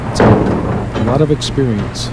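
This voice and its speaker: A man giving measured, analytical bowling commentary in the restrained manner of a golf commentator. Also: medium pitch, gravelly. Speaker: five-pin bowling colour commentator. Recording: noisy bowling alley broadcast.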